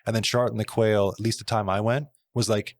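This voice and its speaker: A man's voice: on the low side, level tone, quick pace. A Canadian man hosting a casual podcast interview, talking with eager emphasis. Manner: enthusiastic, emphatic. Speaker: podcast host.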